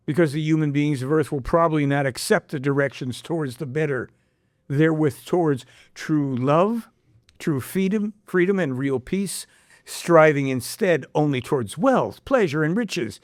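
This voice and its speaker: In studio-quality, dry audio, a man with a slightly high voice speaks at a moderate pace as he hosts a podcast. He reads aloud from a prophetic text and pauses to add his own commentary and rhetorical questions, mixing reading with casual discussion.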